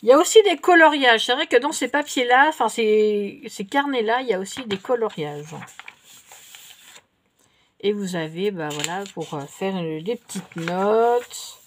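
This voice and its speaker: A woman in middle age, her voice sitting at a medium pitch, talks through a shopping haul of paper and stickers. She is chatty and relaxed, trailing off and correcting herself as she goes. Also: slight background noise. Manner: chatty and unhurried, many fillers and self-corrections. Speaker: vlogger showing craft purchases. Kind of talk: casual show-and-tell haul.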